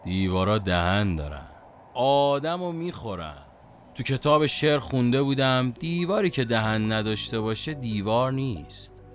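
A man's voice: medium pitch, big pitch swings, natural voice. A man playing a brooding, feverish taxi driver who muses in cryptic, repetitive fragments in a surreal audio drama. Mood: darkly musing. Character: brooding, feverish male taxi driver craving ice lollies.

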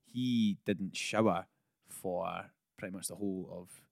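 A man with a fairly low voice tells long anecdotes on a casual podcast, explaining at length. His voice is recorded dry and close. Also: measured pace, gravelly, dry recording. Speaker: podcast co-host.

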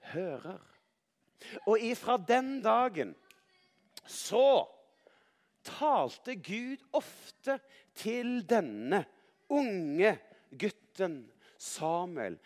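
A man's voice: sits high, darkish tone, big-room sound. A man telling a Bible story to children in a dramatic, playful way, speaking directly to a young listener.

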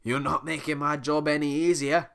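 A sick-sounding reader voicing a gruff, blunt ogre. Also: medium pitch, flat delivery, moderate pace, fairly bright tone, pitched above the performer's own voice. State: sick, hoarse throat.

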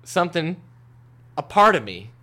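A male podcast co-host chats casually and comically. His voice sits a little high, with very animated pitch movement and a bright, sharp tone. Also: normal speed.

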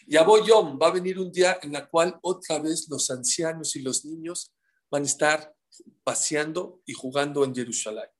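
A man's voice: on the high side, unhurried. A man teaching a live Talmud class, telling the stories dramatically and firing rhetorical questions at his listeners.

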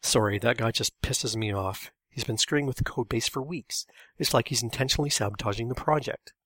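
A man's voice: mid-range voice, brisk, a bit bright, dry recording, natural voice. A man voicing an angry, meticulous male programmer who speaks indignantly and emphatically. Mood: sheepish.

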